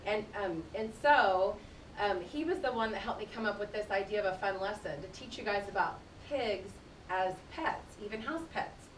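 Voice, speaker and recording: A teacher reads aloud to a class of young children indoors, stopping to explain things in simple, conversational terms. Her fairly high voice sounds distant in an echoing room, over a low rumble of background noise.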